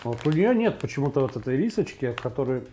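A man in his forties hosting a casual tasting video in a home kitchen on a clip-on mic, thinking aloud in a halting way. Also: mid-range voice, big pitch swings, dark tone, slight background noise. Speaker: host of a food tasting video. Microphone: lavalier clipped to T-shirt.

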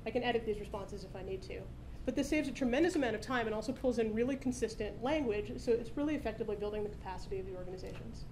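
On stage at an indoor meetup, a woman in her 30s who founded a startup presents a live demo of her product through a podium microphone. She talks fast in a higher voice, brisk, upbeat and explanatory, though the audio is poor and darkish, with a faint rumble behind.

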